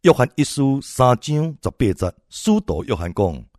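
A man preaching a sermon, exhorting his listeners and swinging between loud and soft phrases. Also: medium pitch, big pitch swings, normal speed, no room sound, clean studio sound.

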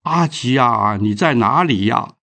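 A woman's voice: rumbling low, expressive, a little slow, a bit bright, exaggerated voice. A man voicing a frail elderly grandmother who lives alone, speaking in an anxious, pleading way. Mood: wailing.

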